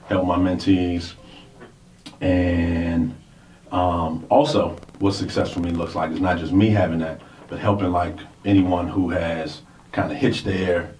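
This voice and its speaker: A man's voice: low voice, darkish tone. A man in his forties co-hosting a radio talk show, talking in a laid-back, casual way. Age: 40s. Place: radio studio. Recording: roomy studio sound, mic at a distance, faint hiss.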